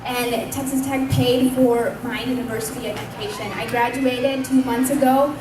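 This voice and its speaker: A young woman in her twenties, from Pakistan, speaks with a bright, high voice, sharing her own story in an earnest, chatty way. She is caught from some distance in a roomy hall that echoes, with steady noise behind her. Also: normal speed. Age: 20s. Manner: earnest, conversational, speaks up loudly. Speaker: invited speaker at a community event. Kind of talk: personal testimony speech. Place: community hall. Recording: echoey room, distant mic, background noise.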